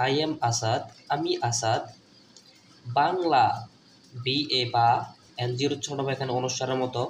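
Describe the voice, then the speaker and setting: A man's voice: mid-range voice, fairly bright tone, roomy sound, slight background noise, rough recording. A man from Bangladesh teaching an online English lesson, patiently spelling words letter by letter and explaining their meaning.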